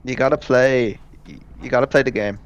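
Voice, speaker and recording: A man as a guest in a casual chat about competitive games, agreeable and prone to halting restarts. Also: medium pitch, fairly even intonation, clean tone, muffled recording.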